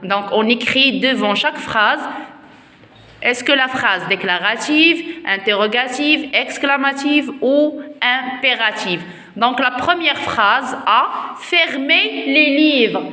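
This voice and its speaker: A woman with a Moroccan accent teaching a French grammar lesson to her pupils in a classroom, explaining slowly with frequent asides in Arabic. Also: high voice, bright, forceful tone, roomy sound, big-room sound. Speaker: primary school French teacher.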